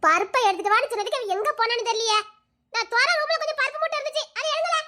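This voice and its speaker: A woman voicing a village mother who runs a shop and calls out loudly and scoldingly. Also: very high voice, racing. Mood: calling, worried.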